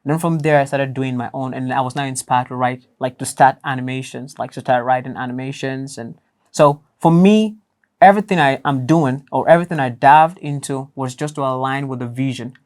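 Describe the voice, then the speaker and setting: A young man with a boyish voice that lacks deep range, talking casually as an interview guest. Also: fairly quick, a little mellow. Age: young adult. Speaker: interview guest, voice actor and writer.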